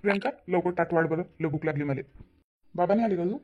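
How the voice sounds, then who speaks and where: A woman voicing a teasing, always-hungry elderly village father-in-law in a cartoon, with a low husky voice. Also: quick pace, narrow, tinny audio, noisy background, close to an everyday voice. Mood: impatient. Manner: teasing, chuckling. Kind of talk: cartoon voice acting.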